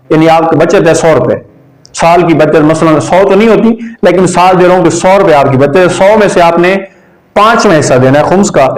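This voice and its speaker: A man teaching a religion lesson to students in a room. He speaks patiently, repeats key terms slowly and keeps checking that the class understands. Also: high-pitched, rough recording.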